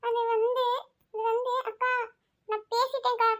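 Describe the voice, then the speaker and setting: A woman's voice: very high-pitched, level tone, moderate pace. A woman voicing a fretful middle-aged aunt who scolds and exclaims in an audio story. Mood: hesitant.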